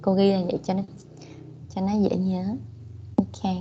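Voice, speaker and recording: A woman's voice: mid-range voice, level tone, measured pace, mellow, muffled recording, slight background noise. A woman with a Southern Vietnamese accent teaching an English class online, switching between English and Vietnamese with frequent "okay"s.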